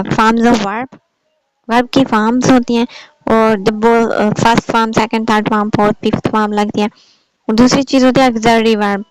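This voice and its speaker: A woman giving an online grammar lesson, explaining step by step and checking in with "okay" after nearly every point. Her voice sits a little high. The recording is dry and close, with no room sound. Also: clear, resonant tone, no echo, poor audio. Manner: explains patiently, repeats "theek hai" often. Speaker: English teacher.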